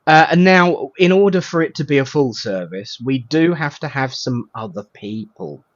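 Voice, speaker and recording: A man's voice: fairly high pitch, animated, moderate pace, no echo, muffled recording. A man with a southern English Estuary accent, hosting an online service in an informal, colloquial, jokey way as he welcomes people. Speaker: host of an online spiritual service. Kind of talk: informal welcoming of guests and viewers.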